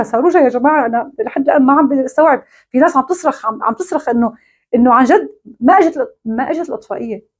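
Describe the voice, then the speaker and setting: A woman's voice: a little high, darkish tone, slightly rough. A woman with a Syrian Arabic accent, delivering a mocking, scolding monologue straight to camera. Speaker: online commentator.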